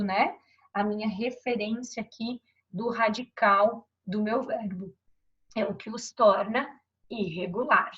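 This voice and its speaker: Husky woman teaching grammar. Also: mid-range voice, a bit bright. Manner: explanatory, pointing at examples on a board, frequent tag questions. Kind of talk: grammar lesson. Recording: dull lo-fi recording.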